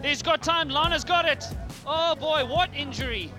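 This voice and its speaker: An excitable male commentator with a high voice calls the action in quick bursts and often breaks into shouts. Loud music plays under his commentary throughout. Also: a crowd in the background. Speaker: event commentator. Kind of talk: live sports commentary.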